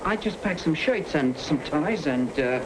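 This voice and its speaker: A man's voice: a little high, animated, unhurried. An actor playing a bumbling, eager-to-please sidekick in a 1930s screwball comedy film, stammering through his banter. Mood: sheepish. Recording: noisy old 1930s film soundtrack.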